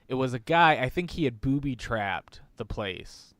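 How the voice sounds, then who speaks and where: Smooth-voiced laid-back man. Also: medium pitch, animated, unhurried, fairly bright tone, no room sound. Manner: laid-back, hedging, slangy. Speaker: podcast co-host. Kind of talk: casual chat.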